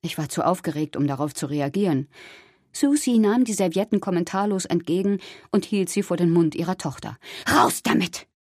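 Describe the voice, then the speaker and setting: A woman with a husky voice reading a first-person story aloud in a lively way. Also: on the low side, a little fast, no echo, clean studio sound. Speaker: narrator. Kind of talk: audiobook narration.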